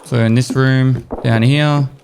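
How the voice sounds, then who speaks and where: A man talks through a shooter game at a medium pitch in a casual, explanatory way. He swears now and then, with loud game sounds and clicks running under his voice. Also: steady tone, slow, noisy background. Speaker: gaming streamer. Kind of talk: gameplay commentary with tips.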